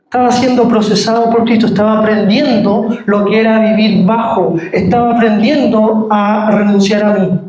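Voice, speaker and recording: A man's voice: sits high, steady tone, normal speed, darkish tone. A man giving a sermon testimony, telling a story and calling the listeners brother. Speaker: preacher. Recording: roomy echo.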